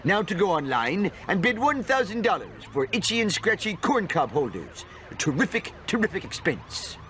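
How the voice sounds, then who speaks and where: A man's voice: high-pitched, very animated, moderate pace, a crowd in the background. A man voicing a pompous, sarcastic middle-aged comic shop nerd in a cartoon game, over-enunciating florid phrases. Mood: pompous, disdainful.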